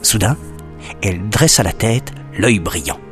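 A man narrating a children's story expressively, dropping to a hush at suspenseful moments. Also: on the low side, unhurried, music in the background.

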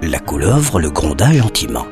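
Expressive male storybook narrator. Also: very deep voice, normal speed, vocal fry, over music. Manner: expressive, hushed at suspense.

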